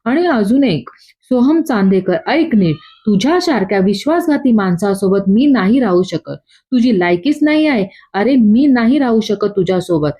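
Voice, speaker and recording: A woman's voice: medium pitch, lively intonation, normal speed, dark tone, lightly acted. A woman reading as a betrayed tearful young wife. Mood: tearful accusing. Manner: tearful, accusing. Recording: dull lo-fi.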